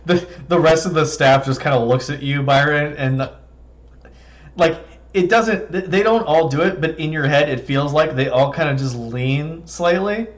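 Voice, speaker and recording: A man's voice: fairly high pitch, normal speed. A man narrating as game master of a tabletop role-play, loose and full of fillers.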